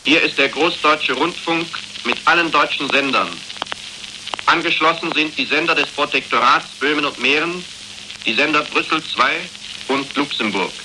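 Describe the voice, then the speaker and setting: A man's voice: a little high, moderate pace. A man making a formal 1940s radio announcement on a crackly archive recording.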